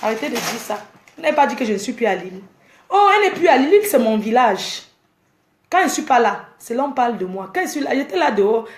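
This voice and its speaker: A woman's voice: fairly high pitch, animated, quick pace, a little mellow, roomy sound. Scolding woman ranting on a live stream. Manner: scolding, exasperated, lecturing viewers. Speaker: live-streamer addressing her fans. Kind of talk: casual Facebook live rant.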